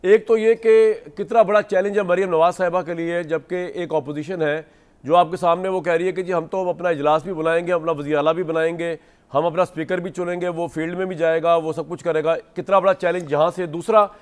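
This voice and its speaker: A man's voice: a little high, steady tone, fairly quick, smooth. A man, hosting a political talk show and politely cutting in on guests, addressing them as sir. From Pakistan. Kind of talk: moderating a political debate. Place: TV studio.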